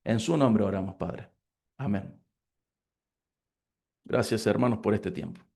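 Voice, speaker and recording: Argentine pastor guy, 40s, a bit gravelly, earnest, prays and talks slow. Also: on the low side, dark tone. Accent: Argentine Spanish (Córdoba). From Córdoba, Argentina. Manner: earnest, grateful, unhurried. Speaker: pastor and lecturer. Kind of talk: prayer and interview answers.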